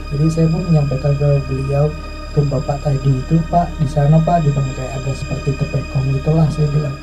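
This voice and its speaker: A man's voice: on the high side, muffled recording. Rambling man telling an eerie personal tale. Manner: rambling, reflective, many filler tags. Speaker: storyteller. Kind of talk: casual personal storytelling. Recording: distant mic, faint background noise.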